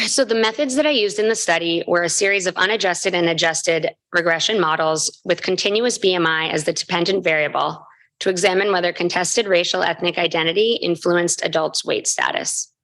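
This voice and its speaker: Female researcher for a formal seminar talk: low register, scripted delivery with the odd slip. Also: fairly quick, a bit bright, low-quality recording. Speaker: postdoctoral researcher presenting. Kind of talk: academic research presentation.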